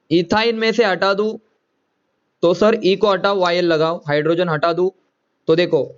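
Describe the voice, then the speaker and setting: High-voiced male chemistry teacher lecturing. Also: muffled recording. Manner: coaxing, repeats questions to students. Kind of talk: classroom lecture.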